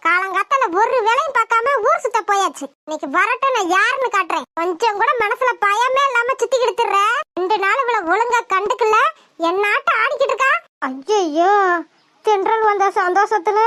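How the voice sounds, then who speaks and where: A woman voicing a scolding middle-aged village stepmother in a cartoon, sarcastic and sharp. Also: very high-pitched. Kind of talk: cartoon voice acting.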